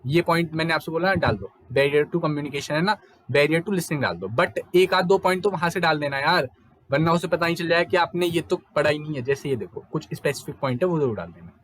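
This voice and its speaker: Young male tutor, slightly high voice, chatty exam-prep lecture, code-switches between Hindi and English, keeps asking rhetorical questions. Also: a little fast, a bit bright. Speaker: teacher.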